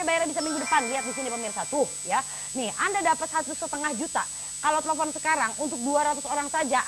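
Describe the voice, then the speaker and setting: A woman sells on a live home shopping show. Her voice is extremely high and bright, and she talks fast. She pushes urgently and chattily, circling back to the same selling points. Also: slight background noise, rough recording.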